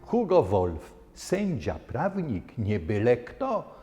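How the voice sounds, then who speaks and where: A man reciting theatrically and deliberately, phrase by phrase, in a drama. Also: mid-range voice, wildly swooping pitch, mellow, exaggerated voice. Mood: musing. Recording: long hall reverb, faint music.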